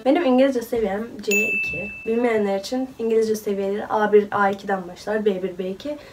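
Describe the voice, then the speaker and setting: A woman's voice: mid-range voice, steady tone, quick pace, distant mic, loud music behind the voice. A woman in her twenties with a cold, chatting casually as a vlogger and laughing often. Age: 20s. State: sick with a cold. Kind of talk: casual chat.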